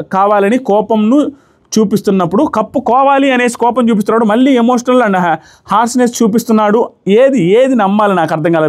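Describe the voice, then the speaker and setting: A man with a high voice talks quickly. He breaks down a reality show in casual commentary, mixing in English phrases as he argues his points. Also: darkish tone. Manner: rapid, analytical, mixes in English phrases.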